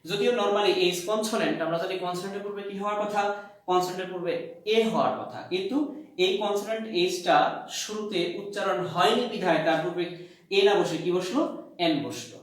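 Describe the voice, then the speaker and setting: Male english teacher from bangladesh, high voice, lots of uh and questions to the class, big echo. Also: quick pace. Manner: asks the class questions and answers them himself, repeats key points; hesitant, many "uh" fillers. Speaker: college English lecturer. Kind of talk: classroom grammar lecture. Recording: very echoey room.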